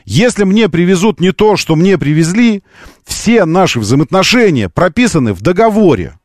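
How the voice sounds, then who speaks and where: A man's voice: sits high, sing-song, normal speed, dry recording, clean studio sound. A man hosting a live call-in radio show, arguing insistently and repeating phrases for emphasis. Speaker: radio talk show host.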